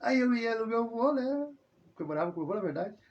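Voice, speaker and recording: With an extremely high, sing-song voice that's a little mellow, this man speaks at a quick pace. He's a religious video host from southern Brazil, rambling through a casual personal monologue full of tag questions and self-corrections, and the recording sounds dull and lo-fi.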